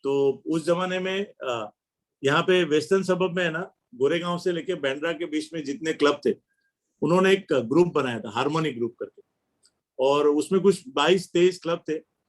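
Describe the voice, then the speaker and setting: Man, middle-aged, guest speaker; anecdotal, acts out dialogue, voice sits a little high. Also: normal speed. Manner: storytelling, acting out dialogue. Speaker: guest speaker at a club meeting. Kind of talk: anecdotal speech. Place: meeting hall.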